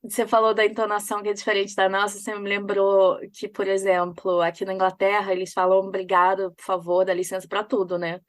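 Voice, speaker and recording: A woman's voice: mid-range voice, completely flat delivery, a little fast, hardly any pauses, no echo, studio quality. A woman with a Brazilian Portuguese accent, co-hosting a podcast in casual chat, telling stories with frequent laughs. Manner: chatty, laughs often while telling stories. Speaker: podcast co-host.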